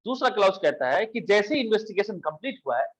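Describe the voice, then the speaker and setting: Male law teacher, high-pitched and husky, walks a classroom through procedure point by point. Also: very animated, fast talker, fairly bright tone, poor audio. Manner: explains step by step, asks and answers his own questions. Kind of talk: classroom lecture.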